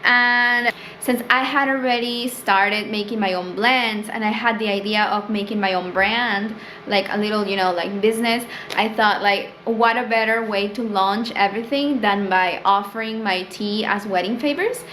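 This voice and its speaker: Poor audio with slight background noise captures this vlogger, a young Spanish-speaking woman from Peru with a Peruvian accent, chatting about her small business in a small room by a tea stock shelf. She speaks at a moderate pace in a sharp, mid-range voice with fairly even intonation. Her talk is full of "like" and "um," and her pitch rises when she quotes thoughts.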